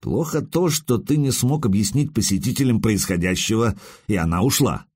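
A man reading an audiobook, voicing a tired, cautious male official in a calm, restrained and terse way. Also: fairly low pitch, moderate pace, breathy edge, no echo, clean studio sound. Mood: guarded. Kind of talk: audiobook narration with character voice.

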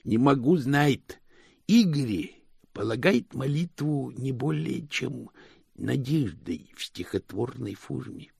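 A man doing Igor, a slow lisping servant. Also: mid-range voice, lively intonation, gravelly, darkish tone, husky, no echo, studio quality, pitched above the performer's own voice, full character voice. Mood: servile. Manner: slow, lisping, servile speech.

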